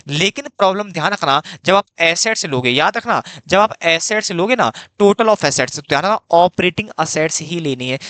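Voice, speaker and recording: Guy lecturing for exams, high bright voice, dry close mic, keeps going "bolo na". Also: smooth, dry recording. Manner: drills students with rhetorical questions; repeats phrases, fast-paced. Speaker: accounting teacher. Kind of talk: exam-prep lecture.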